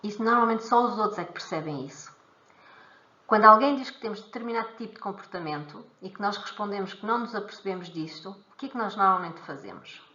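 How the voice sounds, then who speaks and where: A woman's voice: medium pitch, fast, bright, forceful tone, roomy sound, muffled recording. A woman with a European Portuguese accent teaching a live stream on emotions, explaining step by step, repeating words and acting out little dialogues. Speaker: emotional freedom technique teacher.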